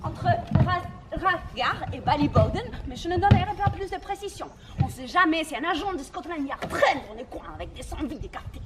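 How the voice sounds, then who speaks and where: An actress in a theatrical monologue, playing a bitter, mocking Irish woman who rants against the English with crude sarcasm and sudden shouted outbursts. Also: high voice, big pitch swings, normal speed, few pauses. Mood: ranting. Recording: noisy camcorder recording.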